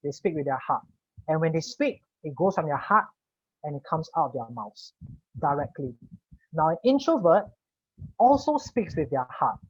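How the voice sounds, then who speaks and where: A man's voice: on the high side, sing-song, normal speed, long pauses, slightly rough, dry recording. A man from Singapore leading an online workshop, explaining patiently and checking in with his listeners as he goes. His voice comes through a dull, lo-fi video call with a dry, close sound. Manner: explanatory, addresses the audience with "right?". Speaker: communication coach presenting a webinar. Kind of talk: webinar presentation.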